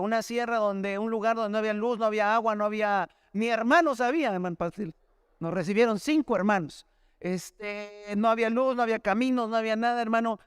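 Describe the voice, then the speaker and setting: A man's voice: high voice, clear, resonant tone, dry recording, clean studio sound. A man with a Mexican accent, a pastor preaching a sermon through a personal testimony, talking in a conversational storytelling way and often addressing listeners as brother. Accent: Mexican Spanish.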